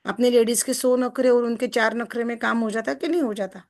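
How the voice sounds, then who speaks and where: A woman success coach explaining a text to a group in a chatty way, often asking listeners for agreement and slowing down to read passages aloud. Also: on the high side, steady tone, a little mellow. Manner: chatty, asks listeners for agreement with tag questions; slows down when reading passages aloud.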